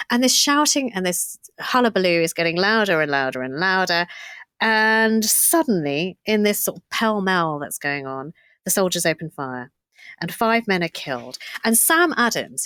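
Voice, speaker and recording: Animated woman telling history. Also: fairly low pitch, no echo. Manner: lively, animated storytelling with many restarts. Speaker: podcast co-host. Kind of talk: storytelling history chat.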